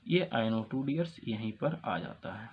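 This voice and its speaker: A man's voice: mid-range voice, animated, measured pace, a little hiss or hum. A male chemistry teacher gives a lecture. He repeats each question, answers it himself, and keeps calling his students "dears.". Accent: Hindi-speaking North Indian. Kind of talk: classroom lecture. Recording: dull lo-fi sound with faint ambience.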